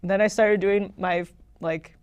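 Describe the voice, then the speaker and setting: A woman's voice: mid-range voice, steady tone, slow pace, a little mellow, no room sound, muffled recording. A young woman chatting casually as a podcast guest, rambling with lots of "like" and laughing often. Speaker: guest, [name] impersonator. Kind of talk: casual podcast interview chat.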